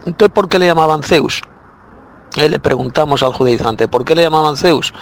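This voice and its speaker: A man giving a spoken Bible teaching as a preacher, insistent and repetitive, with frequent hesitant fillers. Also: on the high side.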